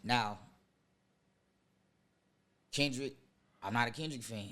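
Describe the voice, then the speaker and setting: A man's voice: medium pitch, takes it slowly, pushed and bright. A young adult man as a guest in a casual chat, laid-back yet insistent and freely profane.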